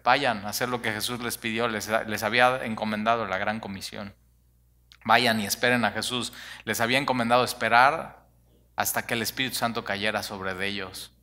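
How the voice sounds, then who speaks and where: A man preaching a sermon, animated and conversational, full of rhetorical questions. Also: mid-range voice. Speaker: pastor.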